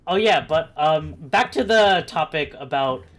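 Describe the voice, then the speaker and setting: Chatty podcast host, middle-pitched. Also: animated, a little slow, fairly bright tone. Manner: chatty, laughs often, leads the talk. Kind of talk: casual chat.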